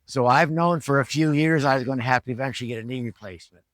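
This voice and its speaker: A man's voice: mid-range voice, fast, fairly bright tone, no echo. A man in his seventies giving a plain-spoken, explanatory vlog talk at home, in an informal instructional style. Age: 70s. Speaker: fitness trainer and rehab vlogger.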